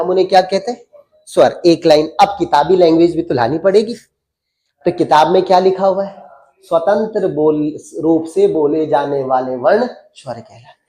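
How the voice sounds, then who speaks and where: Casting: male grammar teacher, high mellow voice, drills letter sounds with the class. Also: echoey room. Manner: asks students frequent check questions; sounds out letters for students to repeat. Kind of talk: classroom lecture.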